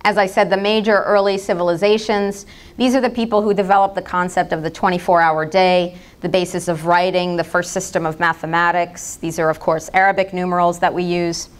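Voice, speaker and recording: A woman's voice: on the low side, fairly even intonation, brisk, clear, resonant tone. An American woman giving a public lecture with slides, slipping in dry, sarcastic asides. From United States. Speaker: speaker giving a public talk.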